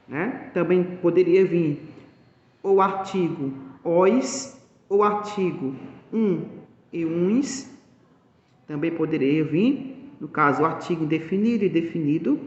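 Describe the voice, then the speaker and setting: Man, teacher, high voice, repeats himself patiently. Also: highs cut off. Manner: slow, explanatory, repeats points. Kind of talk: grammar lesson. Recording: echoey room, long reverb.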